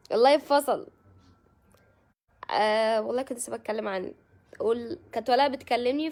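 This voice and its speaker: An Egyptian woman hosting a casual live stream, chatting with viewers and greeting them by name. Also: high voice. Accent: Egyptian Arabic.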